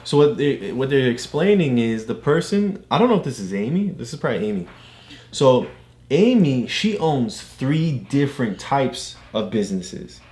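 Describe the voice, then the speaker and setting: During a read-aloud, a father patiently explains things to a child, teaching through questions and examples. His mid-range, darkish voice is very animated at a normal speed, in a roomy, echoey home recording.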